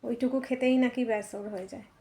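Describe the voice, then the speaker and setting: A middle-aged woman talks to her viewers as friends while she goes about her home, her voice a little higher than usual. A faint hiss sits under the phone recording. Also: steady tone, fast talker, warm tone. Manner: chatty, addresses viewers as friends. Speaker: vlogger. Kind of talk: casual home vlog chat. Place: home rooms.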